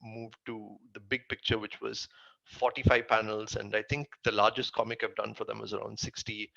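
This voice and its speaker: A man's voice: fairly low pitch, little pitch movement, moderate pace, creaky, bright, forceful tone, dry recording, muffled recording. A man with a Tamil accent giving casual interview answers as a guest, recounting his work. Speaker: interview guest, comic writer.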